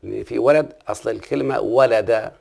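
With an Egyptian accent, a man teaches classical Arabic grammar, stopping often to ask the listener questions to check understanding. His mid-range voice is brisk and gravelly, yet a little mellow.

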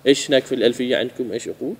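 In a mid-range voice, a man teaches grammar, putting questions to his students and repeating key phrases slowly.

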